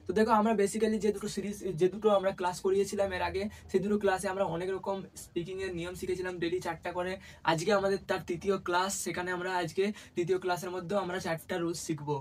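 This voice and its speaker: A man's voice: high-pitched, level tone, rapid-fire, poor audio. A man teaching English spelling rules in a classroom-style lesson, repeating each point and asking rhetorical questions that he answers himself. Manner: repetitive, asks rhetorical questions and answers them.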